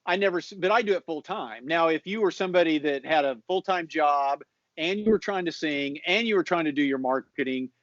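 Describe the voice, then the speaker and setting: Man explaining marketing, slightly high voice. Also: brisk, no echo. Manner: relaxed, explanatory, restarts often. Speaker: social media marketing guest. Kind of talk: casual advice chat. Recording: dull lo-fi audio.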